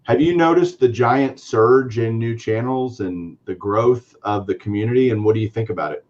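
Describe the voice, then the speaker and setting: A man co-hosting a casual chat, relaxed, reading out viewer questions. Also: mid-range voice, normal speed. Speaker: co-host. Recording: dull, muffled audio.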